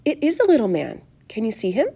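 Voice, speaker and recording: A woman voicing a gentle, wide-eyed small boy who speaks softly and earnestly. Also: lowish voice, wildly swooping pitch, moderate pace, creaky, husky, exaggerated voice. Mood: awed. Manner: soft, hushed, earnest.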